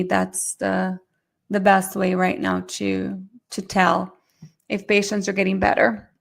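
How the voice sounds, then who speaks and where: A middle-aged woman giving a live online lecture on therapy cases, talking fast and chatty and often addressing her audience directly. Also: mid-range voice, vocal fry. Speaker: myofunctional therapy instructor.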